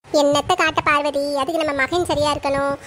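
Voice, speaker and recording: Woman voicing a shrill nagging cartoon mother-in-law. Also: level tone, brisk, a bit bright. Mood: scolding. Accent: Tirunelveli Tamil. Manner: nagging, complaining, bossy. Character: scolding middle-aged mother-in-law Sornam, strict and grumbling.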